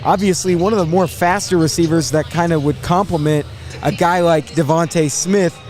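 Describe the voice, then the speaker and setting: Higher-pitched man hosting live sports commentary. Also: steady tone, a little mellow, soft background music. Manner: halting, thinking aloud, repeats words. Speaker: draft show host.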